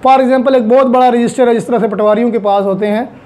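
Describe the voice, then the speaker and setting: Her voice is a little high, warm and steady in tone, and she talks fast. She's a woman with a Pakistani accent delivering an instructive online law lecture full of everyday examples, blending English technical terms into her explanations.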